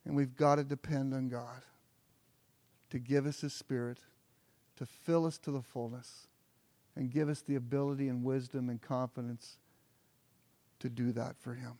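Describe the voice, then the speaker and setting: A man's voice: mid-range voice, little pitch movement, moderate pace, pauses often, mellow, no room sound. A pastor preaching an earnest sermon, often repeating words as he builds toward a point.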